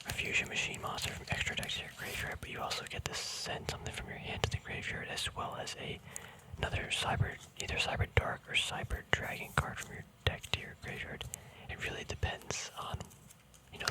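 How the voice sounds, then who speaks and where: An ASMR card collector host whispers softly the whole way through in a breathy voice, never speaking aloud. Casual and rambling, he talks the viewer through his collection like a laid-back hobbyist, informal and gently self-deprecating, though the audio quality is poor.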